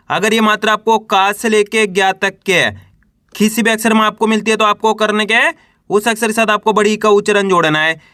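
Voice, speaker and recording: A man with a high, bright voice teaches a reading lesson step by step. He repeats each syllable, then asks his own questions and answers them. The sound is dry and close, with no room around it. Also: no room sound.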